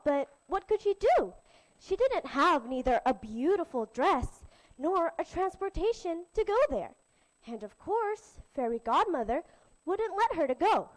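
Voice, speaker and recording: Slow, lively woman storyteller. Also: very high-pitched, poor audio. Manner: slow, lively, sing-song. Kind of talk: children's storytelling.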